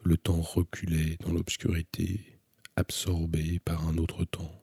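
A man calmly reading a novel aloud as an audiobook narrator, in a measured, introspective way. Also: low-pitched, vocal fry, husky, no room sound, clean studio sound.

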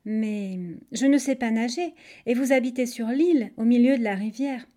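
A woman voicing a clever, quick-thinking male monkey in a storybook reading. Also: fairly high pitch, dark tone, natural voice. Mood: trusting. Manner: breezy, casual, mocking.

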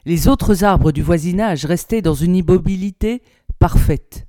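A woman reading an old storybook aloud in a measured, expressive way. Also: fairly low pitch, dry recording, clean studio sound. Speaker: narrator, reader.

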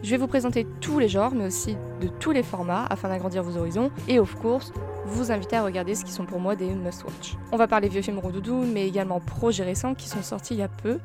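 Chatty woman podcaster over soft music. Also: mid-range voice, fast talker. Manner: chatty, mixes English phrases into her French. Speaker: podcast host. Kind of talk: casual film review podcast.

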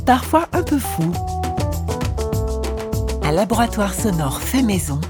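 A woman presents a podcast with scripted narration. Her voice sits at a medium pitch, with prominent music playing underneath. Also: big pitch swings, takes it slowly.

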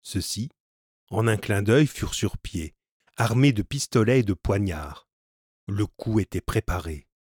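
A man narrating an audiobook of a classic adventure story with a measured, dramatic delivery. His voice sits low, and the recording is dry and close, with no room sound. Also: a little mellow, slightly rough, no room sound. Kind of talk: storybook reading of a classic novel.

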